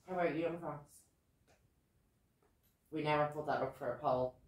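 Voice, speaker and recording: Irish female co-host, lower-pitched and animated, casual chat, off-mic in a reverberant room. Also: normal speed. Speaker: podcast co-host. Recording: echoey room, distant mic.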